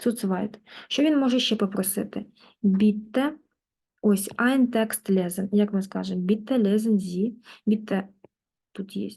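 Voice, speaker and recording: A woman teaching German in a lesson, patiently working through exercises and repeating words slowly. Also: medium pitch, steady tone, gravelly, dark tone, breathy edge. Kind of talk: online language lesson, explaining in Ukrainian.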